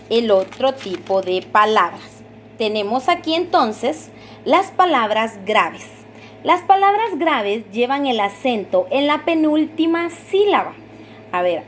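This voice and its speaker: A high-pitched woman teaches at an unhurried pace, laying out each rule with patience and pausing on example words. A faint hum of noise sits under her voice. She often checks in with her students and asks them to say the rules back. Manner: stretches out example words slowly. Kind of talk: recorded Spanish grammar lesson.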